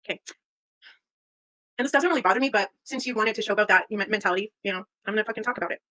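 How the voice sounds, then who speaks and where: A woman livestream host rattles off a casual monologue in Valley girl talk, packed with "like," swearing, and a slangy drawl. Her mid-range voice is racing, pushed, and bright, on a dry but rough recording with no echo.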